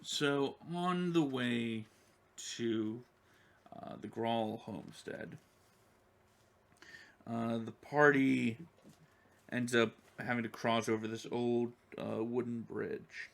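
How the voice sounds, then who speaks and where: A man's voice: mid-range voice, takes it slowly, gravelly, long pauses. A man narrating a solo tabletop game as game master, rambling with many ums and self-corrections.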